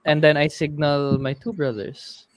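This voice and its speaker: A man's voice: on the high side, level tone, measured pace, dry recording. Playful man playing a tabletop game. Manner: playful, laughs often, mixes Tagalog words. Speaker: player. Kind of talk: casual tabletop play.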